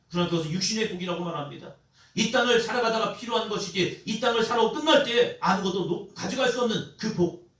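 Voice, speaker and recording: Young pastor guy preaching, high pitched, big shouted cries, church echo, mic kinda far. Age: young adult. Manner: call-and-response preaching, rises to shouted cries. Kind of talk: Sunday sermon. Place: church sanctuary. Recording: echoey church hall, mic at a distance.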